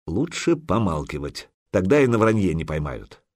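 A man narrating an audiobook in a lively, expressive way on a close mic. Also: deep voice, moderate pace, no echo.

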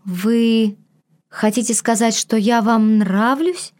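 A nervous young heroine pleads in a breathy, slightly raised voice, as a woman reading an audiobook plays her. It sounds like a first-person romance storybook. Her lines come out soft and eager. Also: on the high side, slow pace, pitched above the performer's own voice. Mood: pleading.

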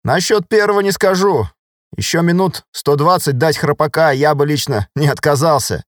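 A man's voice: a little high, moderate pace, no echo, clean studio sound, pitched above the performer's own voice, lightly acted. A male audiobook reader voicing an easygoing army sergeant who speaks plainly.

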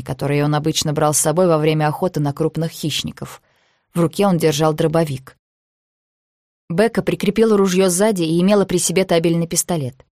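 An audiobook narrator giving a measured, even reading of a thriller novel. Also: mid-range voice, dry recording, studio quality.

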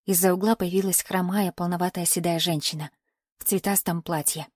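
A woman narrating a novel aloud in the first person, in a measured, even storytelling manner. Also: fairly low pitch, slightly rough, no echo, studio quality. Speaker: audiobook narrator.

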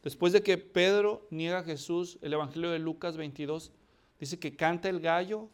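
High-voiced preacher giving a dramatic sermon. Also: male voice, moderate pace, clean tone. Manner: dramatic, acts out scripture quotes, rhetorical questions to the congregation. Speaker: pastor.

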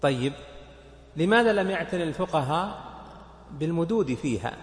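A sheikh teaching a fiqh text explains the legal passage to his students, counting off points aloud and putting questions to them. His voice is on the high side and animated, at a moderate pace, and the echoey hall gives it a long reverb.

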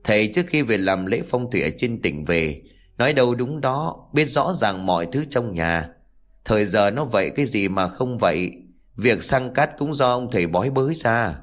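A man voicing a weary middle-aged village father who talks low and matter-of-fact in a spoken ghost story. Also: expressive, moderate pace, natural voice. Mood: grumbling.

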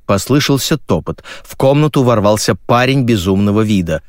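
A man narrating an audiobook in a wry, expressive way. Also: on the low side, moderate pace, no room sound.

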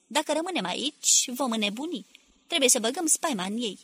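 A woman voicing a rash old militiaman in quick, clipped bursts within her novel reading. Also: a little high, animated, fairly bright tone, breathy edge, pitched above the performer's own voice. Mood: urgent.

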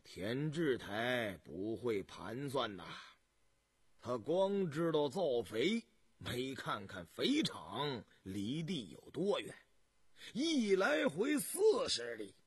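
A man's voice: medium pitch, big pitch swings, drawn-out words, husky, dry recording, clean studio sound, exaggerated voice. A man voicing a shrewd old male farmer who grumbles wryly in a folksy way, for an audiobook. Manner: wry, complaining, folksy.

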